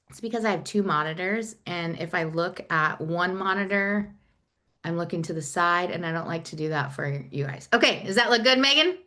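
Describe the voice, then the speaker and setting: A woman with a bright, forceful voice presents live over a video call through her computer mic. She talks fast and excitedly, in a chatty flow with a Midwestern accent. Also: lowish voice. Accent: Nebraska.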